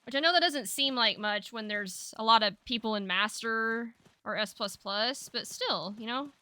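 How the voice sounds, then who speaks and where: A woman live-streaming a game, her fairly high voice bright and crisp. She chats in a laid-back, rambling way with plenty of fillers as she answers her chat. The sound is dry and close, with no room around it. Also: moderate pace, no room sound.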